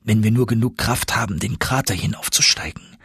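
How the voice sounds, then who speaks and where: A man's voice: fairly low pitch, brisk, fairly bright tone, breathy edge, dry recording, studio quality. A man voicing an exhausted young nephew on an expedition, pleading and earnest, in an audiobook reading. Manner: pleading, stammering.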